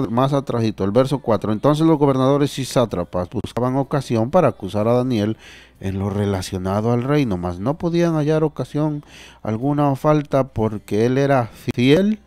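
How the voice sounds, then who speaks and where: A man's voice: medium pitch, darkish tone, no room sound. A man preaching a sermon and reading scripture aloud, earnest and repeating phrases for emphasis.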